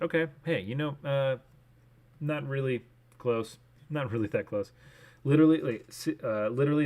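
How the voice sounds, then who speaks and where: A young man casually thinking aloud while streaming a guessing game, rambling with many fillers. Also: lowish voice.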